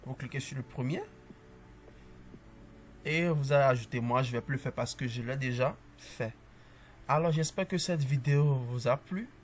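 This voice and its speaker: A man giving a casual coding tutorial, calmly talking through each step as he types and tossing in upbeat asides to the viewer. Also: mid-range voice, normal speed, long pauses, a little hiss or hum.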